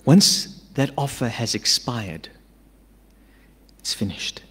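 A middle-aged man preaching a sermon from a church stage into a stand mic, emphatic, swinging between urgent loud lines and hushed asides. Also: mid-range voice, lively intonation, takes it slowly, slightly rough. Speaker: pastor. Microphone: stand mic at a pulpit. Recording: long church-hall reverb.

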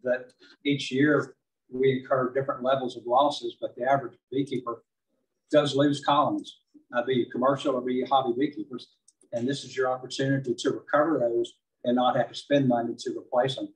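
A middle-aged man with a Texan accent giving a beekeeping club presentation, measured and dotted with fillers. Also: mid-range voice, level tone. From southeast Texas. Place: large meeting hall with projector. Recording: distant room recording.

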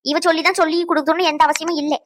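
A woman voicing a shrill, scolding cartoon mother. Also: flat delivery, fairly bright tone, slight background noise. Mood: indignant. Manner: scolding, nagging, rapid-fire. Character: sharp-tongued middle-aged mother, quick to bicker. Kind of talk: cartoon dubbing.

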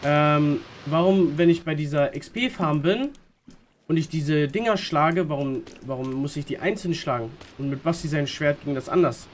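A man's voice: a little high, moderate pace, slight background noise. A man in his twenties, a streamer chatting casually and loosely with slang and hesitations while playing a game in an indoor room on a desk mic. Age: 20s. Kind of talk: casual gaming chat.

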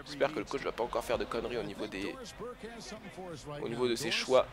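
A man's voice: medium pitch, a little fast, a crowd in the background. A man giving live commentary over a basketball video game, egging on his team and scolding himself when plays go wrong. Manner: excitable, swings between cheering and cursing frustration; coaches his teammates aloud, self-critical. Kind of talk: live let's-play commentary.

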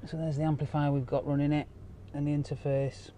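Filmed on a handheld camera with ambient noise behind him, this man talks through a product informally as a car audio installer, outdoors in a car park and then inside the car. His voice is a little high and dark-toned, with a flat, brisk delivery that still comes through clearly.

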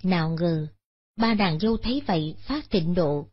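Husky woman narrating a moral story. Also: on the low side, expressive, normal speed. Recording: dull lo-fi recording.

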